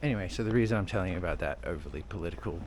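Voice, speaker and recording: A man's voice: low voice, very fast. A young Australian man vlogging as he walks through old-town streets, holding the camera and rambling casually with the odd swear. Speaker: travel vlogger. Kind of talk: casual rambling walk-and-talk. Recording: clear street and traffic noise.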